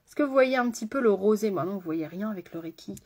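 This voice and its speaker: Chatty woman with a husky voice. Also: medium pitch, expressive, fast, darkish tone. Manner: chatty, talks straight to viewers, rambling asides. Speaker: makeup artist. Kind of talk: casual live makeup tutorial.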